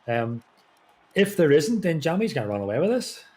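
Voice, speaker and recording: A man's voice: on the high side, big pitch swings, normal speed, warm tone, slightly rough. A man co-commentating a sim race, chatty and rambling through anecdotes with lots of fillers.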